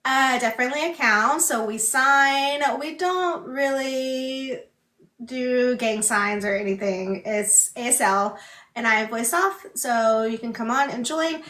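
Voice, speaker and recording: Bright-voiced woman signing while speaking, unhurried. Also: high-pitched. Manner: signing while speaking, with halting, broken-up phrasing. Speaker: book club host and ASL voice interpreter. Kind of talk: casual livestream chat. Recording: echoey room.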